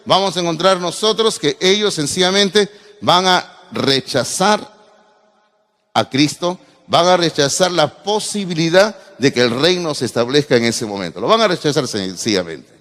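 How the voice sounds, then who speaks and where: A Peruvian man preaching a sermon with a Peruvian accent. He speaks emphatically, swinging from loud exclamations to low asides. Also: animated, normal speed. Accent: Peruvian Spanish. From Peru. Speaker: pastor. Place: church sanctuary. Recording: long hall reverb of a church.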